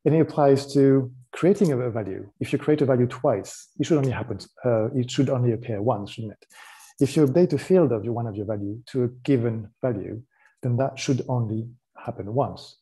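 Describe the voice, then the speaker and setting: A man's voice: mid-range voice, brisk. French-accented man giving a tech talk. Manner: relaxed explanatory, frequent ums and restarts. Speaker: conference speaker. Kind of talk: technical conference talk.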